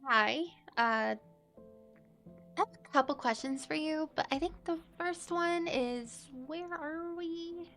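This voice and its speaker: Woman as a high-voiced, awkward, friendly elf. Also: a bit bright, soft background music, exaggerated voice. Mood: hesitant. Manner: hesitant, polite, halting.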